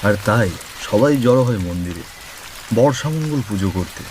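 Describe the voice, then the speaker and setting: A man's voice: fairly low pitch, expressive, normal speed, a little mellow, a little hiss or hum. A man narrating a village folk story for a cartoon in a descriptive, atmospheric storytelling manner.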